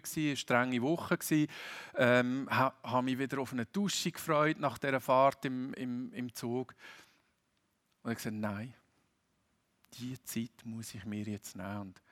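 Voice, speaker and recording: Man, Swiss German accent, middle-aged, sermon, earnest, emphatic then soft, mid pitch. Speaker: preacher.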